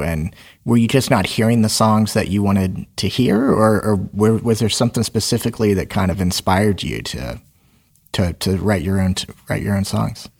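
A man hosting a studio podcast interview, friendly and halting, with many fillers and restarts. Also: lowish voice, gravelly, a little mellow, breathy edge. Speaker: podcast host. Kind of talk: casual interview.

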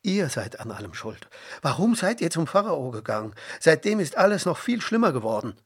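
A bitter, agitated crowd hurling blame in a bible storybook, voiced by a man. The husky, gravelly voice sounds close and dry. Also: fairly high pitch, sing-song, brisk, voice pushed up, exaggerated voice. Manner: accusing, agitated. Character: bitter complaining crowd of Israelites.

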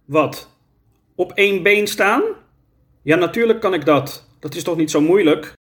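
A man voicing an excitable, boastful young girl in a children's story read aloud. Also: high-pitched, measured pace, voice pushed up. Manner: exclamatory, boastful. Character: bold, excitable young girl, bit of a show-off.

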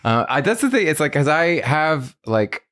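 A man's voice: a little high, very animated, normal speed, a bit bright. A man co-hosting a podcast, chatting casually, laughing often and making jokey asides. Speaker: podcast co-host. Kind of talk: casual chat.

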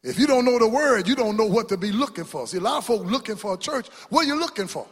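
A man preaching a sermon as pastor, rising into shouts and call-and-response in a church. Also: high voice, expressive, fast talker, husky. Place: church sanctuary. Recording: long hall reverb.

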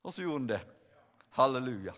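An older male preacher giving a revival sermon, telling stories in a lively, humorous way and acting out the scenes. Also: very high voice. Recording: long reverb in a hall.

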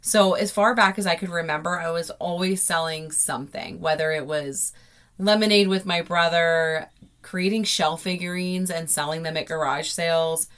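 Chatty, gushing American woman, slightly low voice. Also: steady tone, normal speed, fairly bright tone. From South Florida, United States. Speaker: podcast host. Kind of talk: casual, chatty personal storytelling. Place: inside a closet at home.

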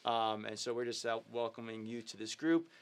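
A man's voice: mid-range voice, fairly quick, clean tone. Earnest man hosting a ministry livestream. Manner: filler-heavy, earnest, upbeat. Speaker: youth ministry leader and host. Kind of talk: casual livestream talk with devotional teaching.

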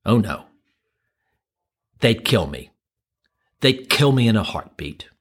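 A frightened, starving young fugitive who pleads with desperation, as a preacher quotes him. His voice stays low and subdued. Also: very animated, takes it slowly, exaggerated voice. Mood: pleading.

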